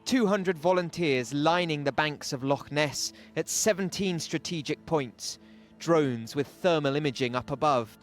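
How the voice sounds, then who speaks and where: Higher-voiced male news reporter. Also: unhurried, soft background music. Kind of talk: scripted news report narration.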